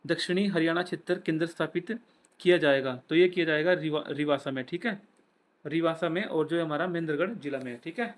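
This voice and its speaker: Haryanvi man tutoring, slightly high voice. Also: fairly quick. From Haryana, India. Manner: repeats each answer, filler "ठीक है" after each point. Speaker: exam-prep tutor. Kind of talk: quiz-style exam revision lesson.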